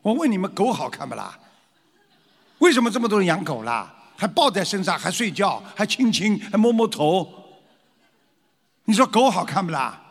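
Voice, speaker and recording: A man's voice: high voice, a little fast, gravelly, husky. A man giving a lecture to followers, asking rhetorical questions and acting out frightened voices. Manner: animated, acts out scared voices and rhetorical questions. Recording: long hall reverb.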